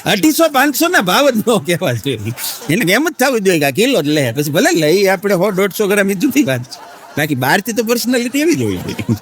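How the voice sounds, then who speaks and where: A male comedian with a Gujarati accent telling stand-up jokes with drawn-out punchlines. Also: high voice, wildly swooping pitch.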